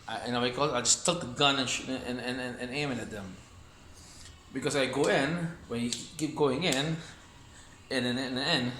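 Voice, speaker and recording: Rambling martial arts teacher in echoey room. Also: male voice, mid-range voice, pushed and bright, a little hiss or hum. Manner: rambling, repeats himself, talks while demonstrating moves. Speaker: Wing Chun instructor. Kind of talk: casual martial arts demonstration talk. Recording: echoey room with faint ambience.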